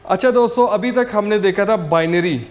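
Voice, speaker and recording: A man with a fairly high voice teaches a beginner language class in a casual, friendly way. He says each new word again and again, slowly and clearly, so learners can copy him. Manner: repeats each word slowly several times for pronunciation drill. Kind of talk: online language lesson.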